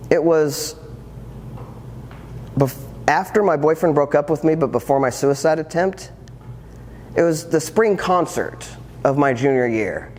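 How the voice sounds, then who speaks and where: Man, 50s, coach and speaker, reflective storytelling, a bit high-pitched, in a reverberant hall. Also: measured pace, long pauses, darkish tone, a little hiss or hum. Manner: earnest, reflective, with wry humor. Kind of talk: personal storytelling talk. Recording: long hall reverb, faint ambience.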